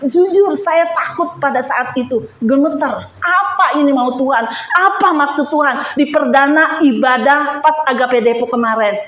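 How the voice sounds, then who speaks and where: A woman's voice: high voice, moderate pace, hardly any pauses, fairly bright tone, reverberant, a little hiss or hum. A woman giving an emotional church testimony, speaking fervently and addressing the congregation directly.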